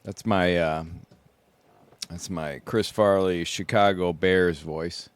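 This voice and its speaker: A sleep-deprived man rambles groggily to his recorder, unhurried and meandering. His voice is smooth and clear. The sound is close and dry. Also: low-pitched, steady tone, no echo. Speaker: podcast host, solo sailor. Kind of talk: casual self-recorded monologue. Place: small sailboat at sea.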